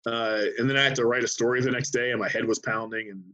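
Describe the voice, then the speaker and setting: A man who works as a sports writer, telling an animated anecdote in casual chat with many restarts. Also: mid-range voice, fast talker, muffled recording.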